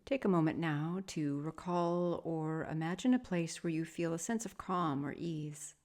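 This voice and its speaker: A yoga teacher with a somewhat low voice guides a meditation, speaking softly and soothingly in measured phrases separated by long pauses.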